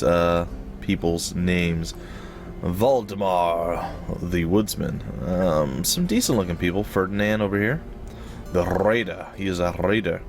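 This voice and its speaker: A man with a slightly wheezy, breathy-noisy voice giving casual, rambling, jokey commentary as host of a gaming let's play. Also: deep voice. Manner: rambling, jokey, repeats phrases for effect.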